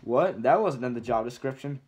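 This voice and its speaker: A man's voice: mid-range voice, expressive, fairly quick, darkish tone, husky. A man voicing a grumpy adult male ogre who answers in a blunt, dry, dismissive way. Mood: evasive.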